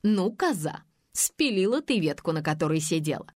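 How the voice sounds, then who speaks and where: A woman reading an audiobook, voicing a brash, spiteful, scheming woman with a shrill, mocking manner. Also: big pitch swings, moderate pace, dry recording, studio quality. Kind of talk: audiobook character voice.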